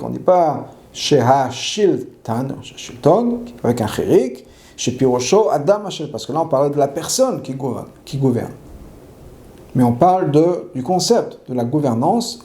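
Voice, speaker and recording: Male rabbi teaching a law class, gravelly and dark-toned, reads Hebrew then explains, repeats key phrases. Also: a little high. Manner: asks questions and answers them himself.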